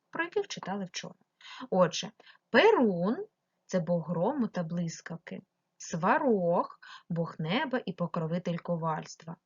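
Husky Ukrainian woman teaching children. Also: on the low side, no echo. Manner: slow, clearly stressed, addresses the child directly. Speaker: primary school teacher. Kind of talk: remote lesson for young pupils. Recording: dull lo-fi home recording.

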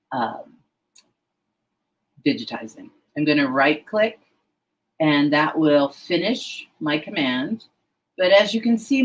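A middle-aged woman, an embroidery software educator, walking through a tutorial in a chatty, self-deprecating way with frequent fillers. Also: sits low, rough recording.

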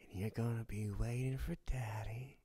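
This man voices a cocky, fire-wielding boyfriend for ASMR roleplay, teasing playfully and slipping into close whispers. His exaggerated voice sits on the high side, fairly bright, with big pitch swings and a slow pace.

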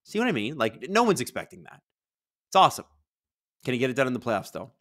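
Speaking at a quick pace, a man in his thirties with a booming voice hosts a casual live watch-along from a studio. This livestream host chats to viewers and bursts into excited play-by-play.

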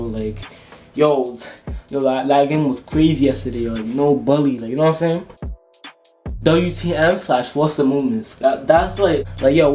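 A young adult vlogger from Rhode Island chats casually to camera from a room at home, using heavy slang packed with "bro," "yo" and "like." His voice is a little high with a darkish tone, and the room is echoey with music behind him.

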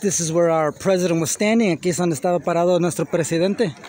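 A middle-aged man giving an excited, casual vlog commentary, exclaiming and repeating his phrases. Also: fairly high pitch, quick pace. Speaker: vlogger. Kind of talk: excited casual phone vlog, switching between two languages. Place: large outdoor stadium at night. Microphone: handheld phone. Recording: noisy phone recording, loud stadium crowd.

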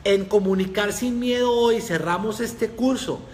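Lively high-voiced man teaching. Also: measured pace, big-room sound, slight background noise. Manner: lively, reads out viewers' comments. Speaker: communication course instructor. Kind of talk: live online class.

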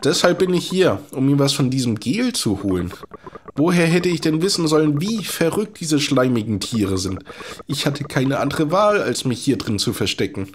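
A man's voice: medium pitch, lively intonation, normal speed, slight background noise, close to an everyday voice. A man voicing a nervous, chatty middle-aged quack doctor, reading game dialogue aloud in a rambling, pleading way. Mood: fussy, chatty.

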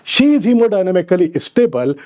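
A middle-aged male lecturer with a North Indian accent and an animated, mellow delivery. He teaches in a didactic way, hammering key phrases through repetition and slipping between English and Hindi. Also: sits high, fairly quick. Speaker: medical exam lecturer. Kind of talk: exam-prep lecture. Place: indoor studio in front of a slide screen.

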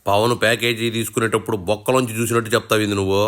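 A man's voice: on the low side, little pitch movement, very fast, fairly bright tone. A man hosting a satirical show, teasing and mocking his guest in rustic colloquial speech. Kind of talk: mock interview banter.

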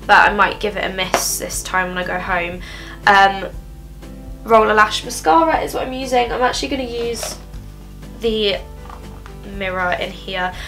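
In her bedroom, a young adult woman runs through a makeup tutorial as a beauty vlogger, rambling casually with frequent "um"s and a touch of cold-induced nasality. She has a gravelly, mid-range, fairly bright voice, captured by a camera close in front.

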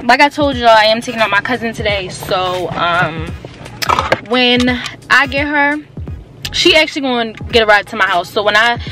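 A woman's voice: on the high side, normal speed, over music. Chatty young woman vlogging on the go. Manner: chatty, slangy, talks straight to viewers. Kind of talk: casual vlog chat. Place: car, then bedroom, then shopping mall.

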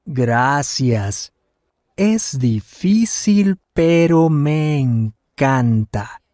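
Fairly high and expressive yet mellow, this man's voice comes through studio-clean with no reverb. In scripted learner dialogues he acts as a polite, friendly Canadian practicing Spanish, articulating each phrase with deliberate care, first slowly, then at normal speed.

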